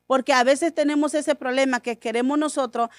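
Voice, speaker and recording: A woman with a high, bright-pitched voice tells a heartfelt faith story in a radio studio. She speaks earnestly and casually, slipping into the voices of her family as she quotes them. The sound is close and dry, with no room echo. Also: fairly even intonation, a little fast. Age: adult, mother of a school-age son. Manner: earnest, acts out quoted dialogue. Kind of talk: conversational faith testimony.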